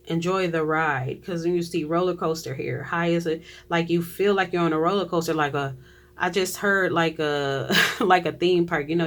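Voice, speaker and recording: A tarot reader giving a casual reading to viewers, chatty, often trailing off and restarting, with frequent laughs. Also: medium pitch.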